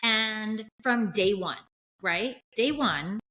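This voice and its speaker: A woman's voice: medium pitch, drawn-out words, bright, forceful tone. A middle-aged woman co-hosting a podcast, telling a family story in an earnest way. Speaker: podcast co-host. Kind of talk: casual chat.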